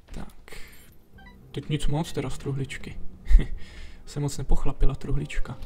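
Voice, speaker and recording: A man giving relaxed let's play commentary, chatting to himself and to the enemies as he plays. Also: medium pitch. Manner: chatty, talks to himself and to enemies while playing. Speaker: gameplay commentator. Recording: faint background game music. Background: game music.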